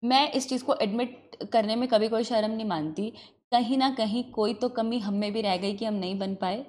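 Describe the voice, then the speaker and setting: A woman's voice: a little high, steady tone, moderate pace, darkish tone. Earnest woman law teacher. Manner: earnest, scolding yet caring, mixes Hindi and English. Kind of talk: classroom talk to students. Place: classroom.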